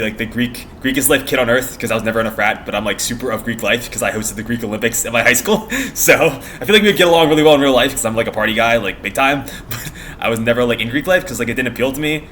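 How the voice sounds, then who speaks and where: Young American male vlogger, rapid meandering chatter, giggly and casual, faint noise behind the voice. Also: mid-range voice, a bit bright. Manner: meandering, giggly, trails off mid-thought. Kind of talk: casual rambling vlog chat.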